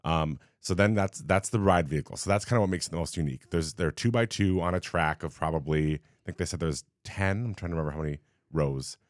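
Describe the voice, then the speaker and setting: A man's voice: low voice, quick pace, no echo, clean studio sound. A man co-hosting a theme park podcast, explaining things at length with many "um"s and restarts. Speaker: podcast co-host. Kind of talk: casual chat.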